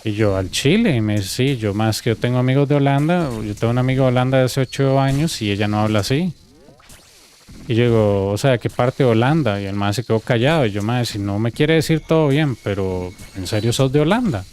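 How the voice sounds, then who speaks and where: A man with a Costa Rican accent chatting on a gaming stream, telling an animated story and acting out quoted dialogue. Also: medium pitch, brisk, clean tone. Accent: Costa Rican Spanish. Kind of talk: casual gaming stream chat.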